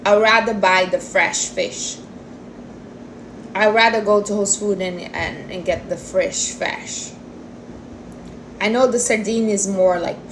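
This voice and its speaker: A forty-year-old woman hosting a livestream answers viewer questions on diet in a casual, informal chat, using non-native English phrasing. Her voice is lowish, and background noise is present.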